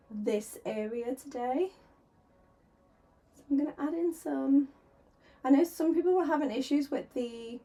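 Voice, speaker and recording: With a sore throat making her slightly hoarse, a woman chats and laughs nervously while streaming herself painting. Her voice is high and mellow, picked up by a desk mic in this casual livestream.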